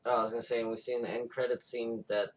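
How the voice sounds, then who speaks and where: A man's voice: mid-range voice, flat delivery, fast talker. Podcast guy rambling thru a movie plot, swears a lot, sounds kinda far from the mic. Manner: loose, profane retelling with acted-out quotes. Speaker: podcast co-host. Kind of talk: casual movie review chat.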